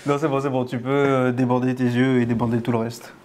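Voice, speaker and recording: A man's voice: mid-range voice, little pitch movement, fairly quick, a little mellow, a little hiss or hum. A man co-hosting a parody dating show, teasing his friends and announcing the rounds. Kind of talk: joking casual banter.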